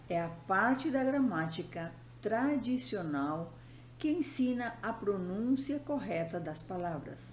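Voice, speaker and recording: A woman teacher giving a recorded grammar lesson, speaking deliberately and listing example words one by one. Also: medium pitch, a little mellow. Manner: slow, deliberate, spells out letters and lists examples. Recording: roomy echo, faint background noise.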